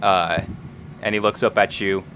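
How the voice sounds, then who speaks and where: A man's voice: low voice, steady tone, measured pace, fairly bright tone, slight background noise. A man working as game master, narrating scenes in a tabletop role-playing game.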